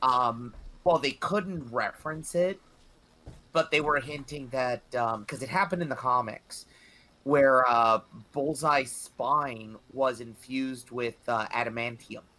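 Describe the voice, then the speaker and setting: A man's voice: mid-range voice, slow, pushed and bright. A man in a casual reaction chat, talking with many "um"s and "you know"s.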